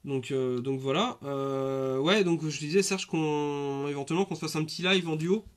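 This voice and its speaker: A man in his thirties with a notably high voice hosts a casual live stream. He talks to his viewers in a relaxed, rambling way, with lots of fillers and false starts. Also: normal speed. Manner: chatty, rambling with many fillers and restarts.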